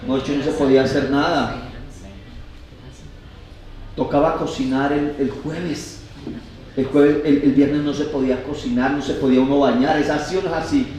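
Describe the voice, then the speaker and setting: A man's voice: medium pitch, fairly even intonation, moderate pace, pauses often, darkish tone. A man, a pastor preaching a sermon and asking his congregation questions as his voice rises for emphasis. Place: church hall. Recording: echoey hall, voice from far off.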